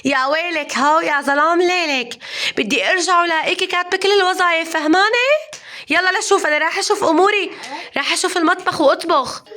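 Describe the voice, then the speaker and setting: A woman's voice: very high voice, pushed and bright. A woman playing a mother in a family sketch, scolding and giving orders. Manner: scolding, bossy, quick-fire.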